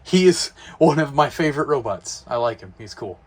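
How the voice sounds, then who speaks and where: A man's voice: mid-range voice, animated, normal speed, darkish tone, husky. Rambling, casual guy talking toy robots. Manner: rambling, swears, many restarts. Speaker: toy robot collector vlogger. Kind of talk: casual chat. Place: indoor room, late at night.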